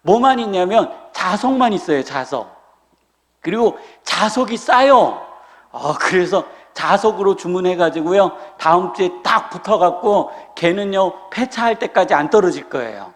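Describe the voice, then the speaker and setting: A man preaching a sermon as a pastor, lively and humorous, acting out the people he quotes. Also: sits high, moderate pace. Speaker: senior pastor. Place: church sanctuary. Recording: reverberant church hall.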